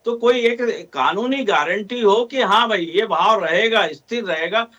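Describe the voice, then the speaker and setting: Earnest high-voiced man arguing for farmers. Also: unhurried, pushed and bright, lo-fi sound. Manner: earnest, argumentative, many hesitations. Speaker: farmer representative guest. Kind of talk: panel discussion.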